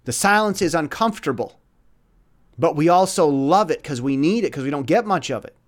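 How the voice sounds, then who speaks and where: A man giving a casual, reflective monologue of life advice, earnest, often restarting his words and swinging between louder and softer passages. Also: on the high side, expressive, a little fast.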